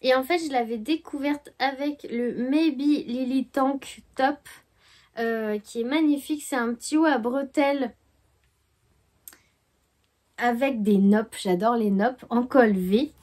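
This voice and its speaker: A woman's voice: high voice, takes it slowly, a little mellow. A woman hosting her knitting podcast, chatting casually and hesitantly with many fillers. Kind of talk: casual chat.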